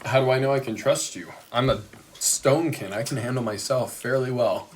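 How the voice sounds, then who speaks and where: A male player at a tabletop game, speaking as his character in a hesitant, halting way. His voice sits at a middle pitch. There is faint noise in the background.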